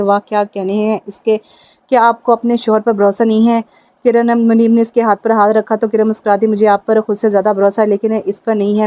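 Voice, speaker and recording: A woman's voice: mid-range voice, no echo. A woman narrating a romantic novel and speaking every character's lines herself. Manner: reads all parts herself in an even tone. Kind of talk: dramatic audiobook narration with voiced dialogue.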